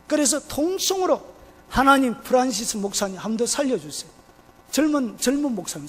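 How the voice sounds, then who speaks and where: High-voiced impassioned Korean pastor preaching. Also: male voice. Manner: impassioned storytelling, swings between loud exclamations and quiet low lines. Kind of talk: sermon. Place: church sanctuary. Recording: long reverb of a church hall.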